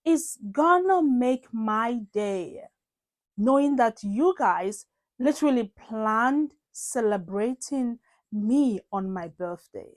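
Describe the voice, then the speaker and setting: A woman's voice: on the high side, lively intonation, takes it slowly. A woman hosting a reaction video, talking to her viewers directly in a chatty way with plenty of fillers. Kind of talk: casual reaction commentary.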